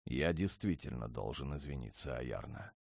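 A man as a calm, menacing dragon lord. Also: vocal fry, no room sound, clean studio sound, full character voice. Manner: low, measured and restrained.

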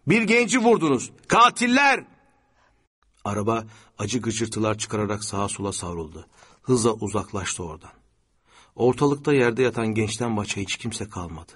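A male audiobook narrator reading literary fiction in a measured, steady manner. His voice is low and husky, with a grainy edge.

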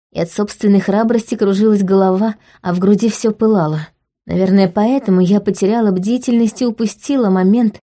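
Mellow-voiced woman narrating an audiobook. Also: medium pitch. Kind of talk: scripted first-person narration.

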